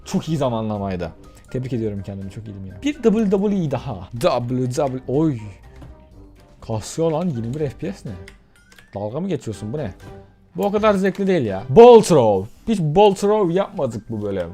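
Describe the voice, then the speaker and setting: Excitable young man with a lively voice. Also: mid-range voice, moderate pace, soft background music. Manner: excitable, yelps and shouts at sudden moments. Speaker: gaming YouTuber. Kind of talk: casual let's-play commentary.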